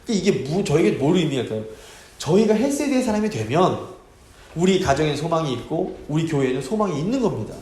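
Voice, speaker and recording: Pastor preaching in a very echoey hall. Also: male voice, on the high side, fast talker, a little hiss or hum. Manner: expressive, rhetorical questions to the congregation. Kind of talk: Bible study sermon. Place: church sanctuary.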